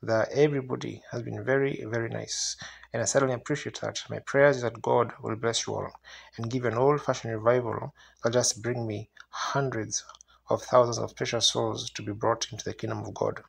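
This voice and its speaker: A male evangelist preaching a revival sermon to a congregation in an earnest, questioning manner, with a raspy, gravelly voice. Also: mid-range voice, flat delivery, a little fast. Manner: earnest, asks listeners rhetorical questions.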